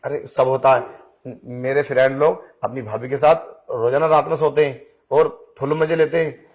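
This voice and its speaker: A pushy blind young man in a Hindi audio drama, played by a man, wheedling and coaxing without letting up. His voice sits at an ordinary middle pitch. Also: fairly even intonation, moderate pace, darkish tone, natural voice. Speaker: voice actor.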